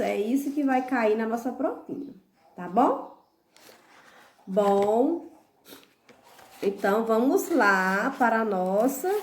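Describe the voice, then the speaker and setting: A woman with a Brazilian accent teaching young children. She corrects homework slowly and patiently, spelling out syllables letter by letter and often checking in with "tá bom?". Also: medium pitch, echoey room. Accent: Brazilian Portuguese. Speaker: primary school teacher. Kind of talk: recorded lesson, correcting homework.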